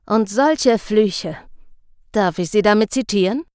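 A woman's voice: mid-range voice, takes it slowly, a little mellow, clear, resonant tone, dry recording, clean studio sound, close to an everyday voice. A woman voicing a teasing young male newspaper reporter. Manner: teasing, joking.

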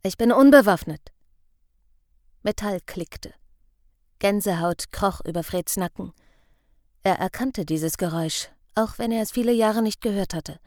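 A woman reading a novel aloud in measured, expressive audiobook narration. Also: mid-range voice, no echo, studio quality.

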